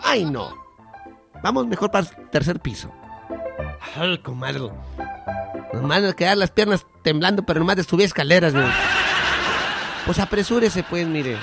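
In a comedy sketch, a man voices two bawdy middle-aged women friends who gossip and tease each other, breaking into cackles and squeals, with Mexican Spanish accents. His voice sits high and sounds gravelly and animated, moving at a moderate pace with frequent pauses. Music plays behind him.

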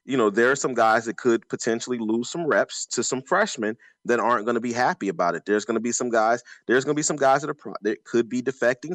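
Anecdotes and repeated phrases fill the emphatic, conversational analysis of this sports announcer, a former college running back. The recording is dry, and his voice is medium in pitch and a bit bright.

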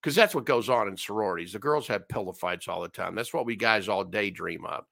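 A man's voice: lowish voice, a little fast, gravelly, a bit bright. A man hosting a solo commentary show, ranting with sarcastic, mocking asides.

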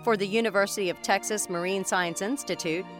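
A woman presenter narrating a nature documentary script in a measured, explanatory way. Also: mid-range voice, steady tone, soft background music. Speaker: science radio presenter.

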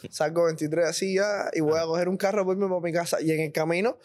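A man's voice: a little high, fairly even intonation, a little mellow. A man from Cuba hosting a podcast, asking questions and telling his own anecdotes in casual interview chat. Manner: quick, chatty questioning with acted-out anecdotes. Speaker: podcast host.

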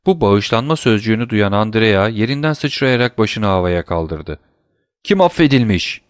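A man narrating a classic novel as an audiobook in a measured, steady reading. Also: lowish voice, clear, resonant tone, no echo, clean studio sound.

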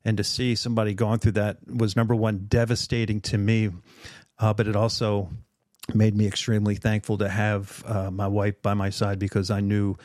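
A man's voice: lowish voice, monotone, moderate pace, darkish tone, no echo. Earnest middle-aged man, dry close sound. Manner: earnest, reflective, with many fillers. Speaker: podcast host. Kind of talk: casual conversation.

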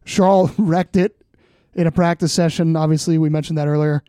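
A man talks casually about sport as a podcast co-host. His voice sits high for a man, with a mellow tone. The sound is close and dry. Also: fairly even intonation, fairly quick, smooth, no room sound.

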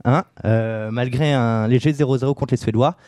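Man, podcast co-host, dark mellow tone, dry sound, rambling storyteller with fillers. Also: mid-range voice, normal speed, dry recording. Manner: storytelling with many fillers and jokes. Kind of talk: casual chat about football history.

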